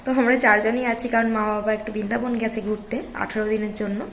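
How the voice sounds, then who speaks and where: A hoarse woman with a cold, chatting casually in a home vlog and starting many sentences with "so". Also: medium pitch, level tone, quick pace, fairly bright tone, a little hiss or hum, poor audio. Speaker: vlogger.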